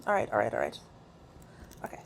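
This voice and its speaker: A woman giving casual, excitable gameplay commentary from her recording room at home, rambling with many fillers and restarts. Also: a little fast, a little hiss or hum. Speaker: gaming video creator.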